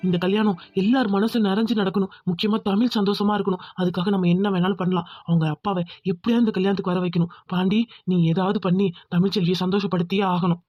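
A woman's voice: mid-range voice, fairly even intonation, fast talker, few pauses, muffled recording, natural voice. A woman voicing a young village groom in a cartoon, soothing but firm and insistent. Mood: determined. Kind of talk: cartoon voice acting.

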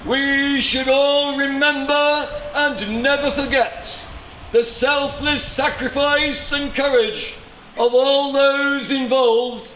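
High-pitched older town crier, male. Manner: declamatory, projecting in short measured phrases. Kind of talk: loud ceremonial proclamation, like a royal herald. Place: outdoors on steps in a stone doorway. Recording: roomy outdoor sound with loud background noise.

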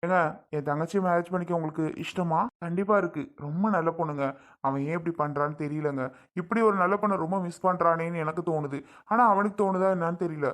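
A woman's voice: on the low side, fast talker, lightly acted. A woman acting a firm, reassuring family member in a domestic drama. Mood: earnest. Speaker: actor in a family drama skit.

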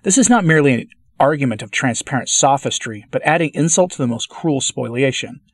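A man reading a formal church letter aloud in a measured, deliberate way, now and then stumbling and restarting a word. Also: medium pitch, expressive, no room sound, clean studio sound. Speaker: channel host reading a papal letter aloud.

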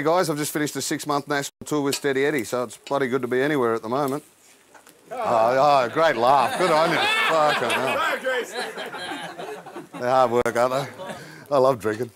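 A man's voice: mid-range voice, fairly bright tone. A man with an Australian accent doing crude, laconic stand-up comedy.

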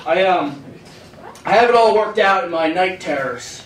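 An eighteen-year-old stand-up comic tells awkward, self-deprecating stories into a handheld mic on a club stage. His voice is high, with lively intonation and a measured pace. Recorded from the audience, the sound is roomy, distant and somewhat noisy.

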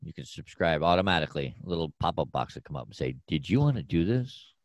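A man's voice: very deep voice, big pitch swings, no echo. A man co-hosting a casual chat podcast, talking in an easygoing way and often restarting his sentences. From Arizona, Phoenix area. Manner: easygoing, with frequent restarts and slow spelled-out plugs. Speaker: podcast co-host.

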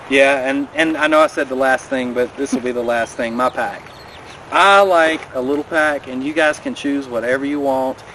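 A man's voice: mid-range voice, moderate pace, fairly bright tone, low-quality recording. Casual man showing off hiking gear outdoors. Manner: friendly, practical, recommending. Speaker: vlogger. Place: outdoors by a river in a mountain valley. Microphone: camera a few steps away. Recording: outdoor camera audio with clear background noise.

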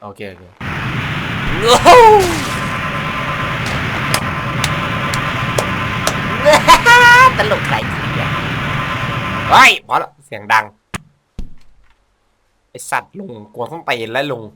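A man giving casual comedic gameplay commentary as a video host, crude, sweary and excitable in his exclamations. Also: mid-range voice, unhurried, pauses often, background noise.

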